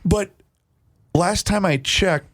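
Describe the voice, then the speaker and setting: A man's voice: high-pitched, slow, a bit bright. A man co-hosting a talk radio show, chatty and incredulous, often stammering as he starts a thought. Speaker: radio co-host. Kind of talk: casual talk radio banter.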